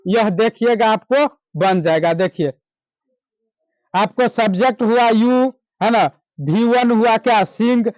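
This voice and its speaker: A man's voice: high voice, no room sound, highs cut off. A male teacher with a Bihar accent giving a classroom grammar lesson, quizzing the class with questions and repeating the answers. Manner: drawn-out slow English examples.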